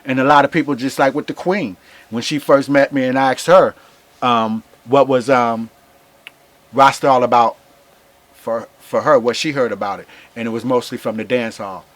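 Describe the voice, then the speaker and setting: A man's voice: mid-range voice, fairly even intonation, moderate pace. A man speaking as an interview guest in informal, impassioned Rasta-style reasoning, repeating phrases emphatically like a preacher.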